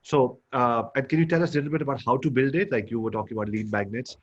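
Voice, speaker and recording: A man's voice: mid-range voice, quick pace. A man hosting an interview who asks long questions built around imagined scenarios. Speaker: interview host. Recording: dull lo-fi sound.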